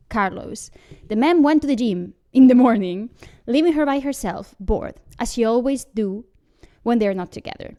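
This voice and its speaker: Woman reading fanfic aloud for laughs, higher voice, dry sarcastic asides. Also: mellow. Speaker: host reading fan fiction. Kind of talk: comic reading with commentary.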